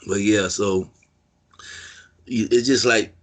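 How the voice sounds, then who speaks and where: Very deep voiced californian guy rambling through prison stories, lots of likes and you knows. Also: steady tone, slow pace. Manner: rambling, filler-heavy street talk. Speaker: interview guest, former prisoner. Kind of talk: casual storytelling interview.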